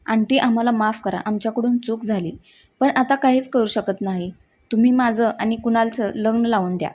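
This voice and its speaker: A woman's voice: on the high side, normal speed, a little mellow, natural voice. A woman voicing a brazen young woman who mocks and blackmails a family, in a storybook narration. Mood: pleading. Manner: smug, mocking.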